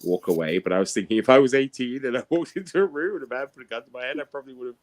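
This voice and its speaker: Taking part in an online book discussion, a man tells anecdotes in a rambling, conversational way during a casual chat. His mid-range voice is animated and rapid-fire.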